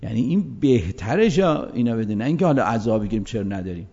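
A man giving a colloquial religious lecture, moving between hushed asides and emphatic, raised passages, on a dull lo-fi recording. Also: mid-range voice, expressive, husky.

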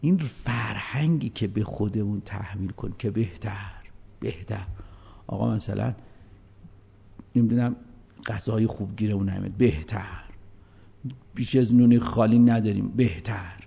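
On a dull lo-fi recording, a man with a fairly low, breathy voice and vocal fry gives a colloquial religious lecture, shifting between hushed asides and emphatic, raised passages.

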